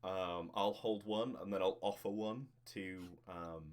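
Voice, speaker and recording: Man with a really deep voice, player in a tabletop game, says what his character does. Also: fairly even intonation, unhurried. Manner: describes his character's actions in first person. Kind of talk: tabletop role-play.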